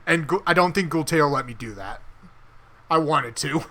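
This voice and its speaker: A man co-hosting a podcast, chatting casually and telling animated stories about a tabletop campaign, acting out characters' lines. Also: on the high side, normal speed. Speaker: podcast co-host and tabletop player. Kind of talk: casual chat.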